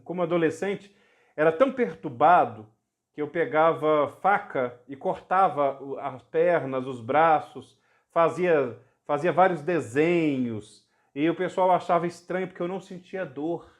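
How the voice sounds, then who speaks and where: A middle-aged bishop with a Brazilian Portuguese accent shares his testimony as a podcast guest. His delivery is earnest and rises into fervor when he speaks of miracles. His voice sits a touch higher than most men's. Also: a little slow. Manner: earnest, grows fervent when recounting miracles. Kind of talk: personal testimony in a church podcast.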